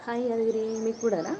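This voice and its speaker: A woman hosting a casual live stream, greeting viewers by name and reading their comments aloud with playful teasing, often softly while sipping tea. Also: mid-range voice, lo-fi sound, background noise.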